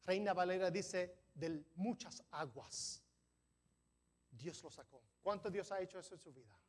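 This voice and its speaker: In a church sanctuary, a pastor with a voice that sits high preaches a sermon at a slightly slow pace. He's a non-native speaker whose first language isn't Spanish, and he occasionally stumbles over words while building to emphatic peaks.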